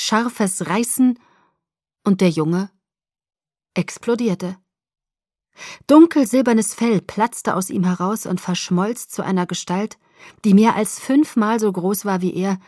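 A woman narrating a first-person story as an audiobook reader, with expressive scripted delivery. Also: mid-range voice, no room sound, clean studio sound.

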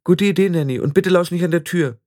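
A man voicing a sensible, sharp-tongued young witch who speaks in a firm, reproachful way for an audiobook. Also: high voice, brisk, dry recording, studio quality, pitched above the performer's own voice, natural voice. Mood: patient. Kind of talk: audiobook character voice.

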